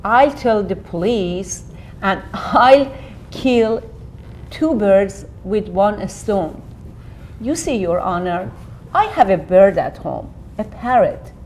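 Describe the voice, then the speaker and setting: An actress playing an earnest immigrant mother who pleads her own case in a courtroom drama, speaking deliberately. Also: medium pitch, expressive, darkish tone, slight background noise, rough recording. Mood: pleading. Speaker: actor playing a defendant. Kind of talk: acted courtroom drama dialogue.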